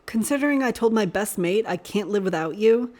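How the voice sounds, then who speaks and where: A woman's voice: medium pitch, expressive, fairly quick, darkish tone, voice pushed up, lightly acted. A woman voicing a teasing, blunt young man who talks frankly.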